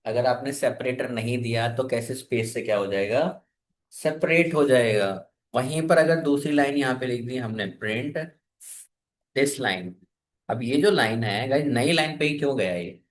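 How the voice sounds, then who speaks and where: A man's voice: mid-range voice, animated, measured pace, a little hiss or hum. A man teaching a programming class, asking his students questions and waiting for their answers. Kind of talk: classroom coding lesson.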